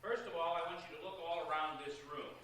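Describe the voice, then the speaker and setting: A man's voice: a little high, fast, pushed and bright. A man teaching meditation to a group and guiding exercises, instructive and repeating phrases for emphasis. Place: indoor room with a group. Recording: echoey room, distant mic, noisy old tape.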